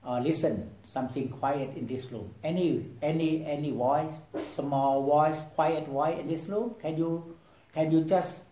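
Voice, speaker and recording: Soft-voiced man guiding a slow meditation. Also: on the high side, reverberant, poor audio. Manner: non-native broken English, repeats "okay?"; swings from loud to hushed. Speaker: meditation teacher. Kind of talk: guided meditation talk. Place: meditation room with a group.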